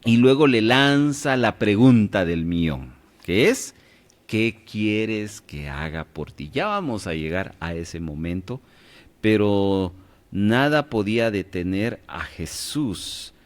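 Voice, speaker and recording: A man with a low voice leads a radio Bible class, his pitch swinging up and down as he quizzes his listeners. he keeps stopping to check that they are following before moving on. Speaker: Bible study teacher.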